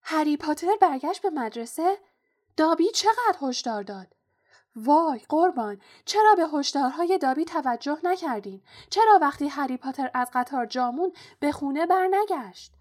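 Pitiful male house-elf for an audiobook, high and strained, devoted and nervous; a woman reads him. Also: expressive, darkish tone. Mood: pleading. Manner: squeaky, fretful and pleading.

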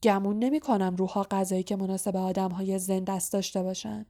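A woman's voice: mid-range voice, fairly even intonation, dark tone, natural voice. A woman voicing a cold, suspicious male teacher who speaks in a cool, insinuating way and presses with probing questions. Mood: sneering.

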